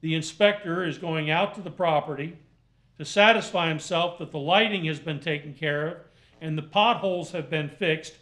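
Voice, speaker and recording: A man speaking as a magistrate at a formal hearing, questioning and ruling in deliberate, halting, formal phrases. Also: on the high side, fairly bright tone. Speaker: magistrate presiding over a hearing.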